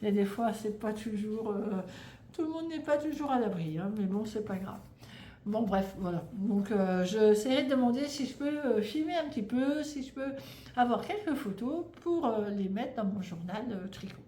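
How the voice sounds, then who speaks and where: A woman's voice: medium pitch, normal speed, warm tone. A French woman in her thirties chatting casually about knitting, rambling and stumbling over her words with lots of fillers and restarts. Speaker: knitting vlogger. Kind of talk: casual chat. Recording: echoey room, faint background noise.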